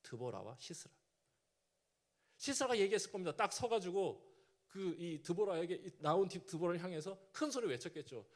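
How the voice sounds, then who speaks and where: A man's voice: sits high, sing-song, moderate pace. A male pastor preaching a sermon, telling the story vividly and acting out the characters' lines.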